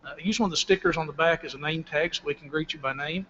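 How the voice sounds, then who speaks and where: Guy reading church announcements at the pulpit mic, kinda high voice, dull lo-fi sound. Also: pushed and bright, a little hiss or hum. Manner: plain, friendly welcome with filler pauses. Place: church sanctuary.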